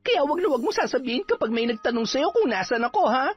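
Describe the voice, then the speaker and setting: A woman acting a bitter, hot-tempered young sorceress on the run, sharp-tongued and defiant, in an audio drama. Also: high-pitched, very animated, quick pace, husky, full character voice. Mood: scornful. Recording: dull lo-fi with faint music.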